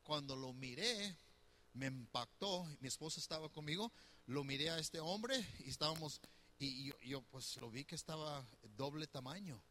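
A middle-aged pastor delivers a conversational sermon on marriage, teasing his congregation and asking them questions. His voice is fairly high, bright and forceful, with lively intonation at a moderate pace. There's a little hiss or hum in the recording.

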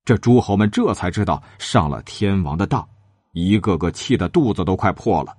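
A man tells an old tale, his low husky voice rising and falling with lots of movement. The recording is dry and close. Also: normal speed, dry recording. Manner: lively, dramatic, shifting pitch for characters. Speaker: storyteller. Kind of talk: storytelling narration with acted character lines.

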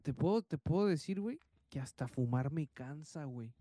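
Swearing, laughing, and full of slang, a thirty-something man with a Mexican accent trades stories as a podcast co-host. His voice sits on the high side, animated and mellow at a moderate pace, in a clean studio recording without room sound.

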